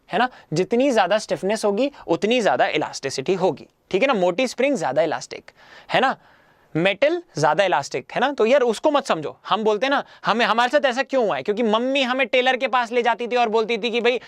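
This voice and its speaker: A man's voice: sits high, lively intonation, brisk, a bit bright, dry recording, clean studio sound. Coaxing man teaching physics. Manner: repetitive, coaxing, keeps adding 'है ना'; mixes Hindi with English phrases. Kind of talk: casual classroom lecture.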